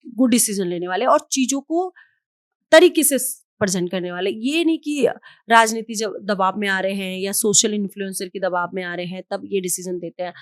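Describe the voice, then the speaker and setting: A woman's voice: mid-range voice, normal speed, no room sound, clean studio sound. A woman from Haldwani in India, speaking as a podcast guest in an outspoken, emphatic way and giving firm advice. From Haldwani, Uttarakhand, India. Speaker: podcast guest, entrepreneur and influencer. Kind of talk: podcast interview.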